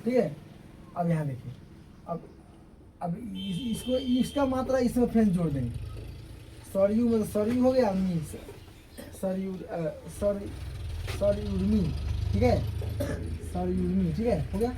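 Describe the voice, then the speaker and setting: A man's voice: high-pitched, takes it slowly, pauses often, background noise. A male teacher giving a classroom grammar lecture, explaining step by step and often checking that students understand.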